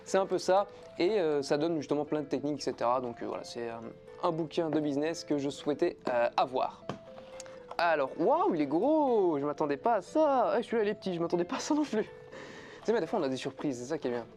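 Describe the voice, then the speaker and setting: A man's voice: a little high, sing-song, brisk, darkish tone, soft background music. A man chatting casually as a personal development vlogger, hesitant with many fillers and restarts, enthusiastic about what he unpacks. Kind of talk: casual unboxing vlog.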